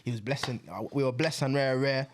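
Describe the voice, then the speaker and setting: A young man in relaxed podcast chat, saying "bro" often. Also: medium pitch, a little fast. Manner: relaxed, easygoing, says "bro" a lot. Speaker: podcast co-host. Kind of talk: casual chat.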